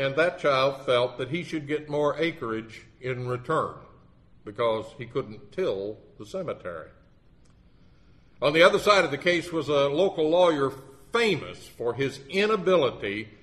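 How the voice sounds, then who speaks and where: A man's voice: mid-range voice, a bit bright. A man in his sixties with a legal background, giving a sermon in a wry, earnest storytelling manner. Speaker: lay preacher with a legal background.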